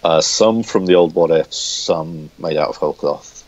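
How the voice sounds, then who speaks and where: In a casual interview, a comic writer speaks in a very deep voice, hesitating and repeating words as he goes. The audio is dull and lo-fi, recorded on a smartphone.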